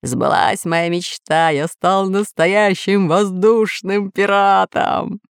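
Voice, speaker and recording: A woman voicing a boisterous male would-be pirate with hearty, drawn-out exclamations. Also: on the low side, expressive, gravelly, no echo, clean studio sound.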